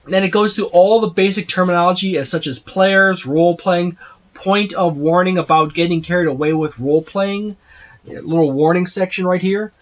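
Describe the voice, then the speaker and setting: Speaking at an ordinary pace in a medium-pitched voice, this reviewer of tabletop game books walks loosely through a rulebook without a script. The itemizing wanders, and points get repeated to drive them home.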